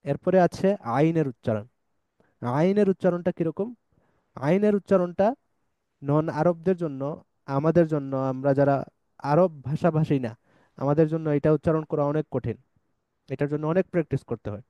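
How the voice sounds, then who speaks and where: Smooth, mellow-voiced male Quran teacher. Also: a little high, no room sound, lo-fi sound. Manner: patient, models sounds slowly and recites verses in drawn-out chant. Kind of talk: explanatory lesson.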